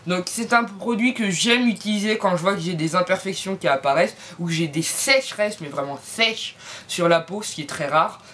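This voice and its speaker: A woman's voice: fairly low pitch, moderate pace, fairly bright tone. A woman reviewing beauty products in a casual vlog from home, talking to viewers with playful, jokey asides. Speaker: beauty vlogger.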